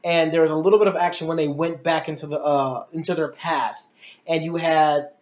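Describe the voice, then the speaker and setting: Fairly quick and on the high side, this man's voice keeps a fairly even intonation as he rants through opinionated film commentary. As a movie reviewer, he's casual and emphatic, leaning on rhetorical questions, in a muffled, echoey room recording.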